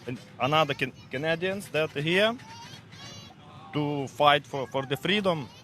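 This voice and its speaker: Halting Ukrainian-accented man, bright voice. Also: on the high side, a little hiss or hum. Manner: halting non-native English with many repeats. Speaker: truck driver at a protest. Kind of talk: street interview. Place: outdoors at a street protest.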